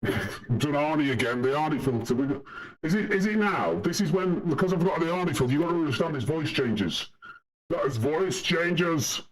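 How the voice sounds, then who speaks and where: A man's voice: fairly high pitch, animated, moderate pace, low-quality recording. Man talking through a voice changer. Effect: voice changer filter. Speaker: racing game streamer. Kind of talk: casual live-stream chat.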